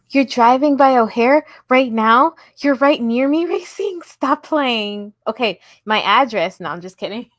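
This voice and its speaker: Clean studio-like sound with no room noise captures a woman with a slightly high, animated voice speaking unhurriedly. She hosts a casual crochet livestream from her home table, chatting and giggling with viewers as she works.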